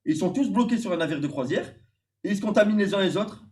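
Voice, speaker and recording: An animated man from France talks at a quick pace in a high, slightly mellow voice. As a stream guest older than his host, he chats casually, explaining at length and hesitating a lot.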